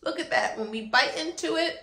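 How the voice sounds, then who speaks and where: Her voice sits high, bright and forceful, with lively intonation and a slightly fast pace. This woman in her thirties is a preschool teacher leading an art lesson, giving instructions to young children, encouraging them and frequently asking questions, all in a small, echoey indoor classroom.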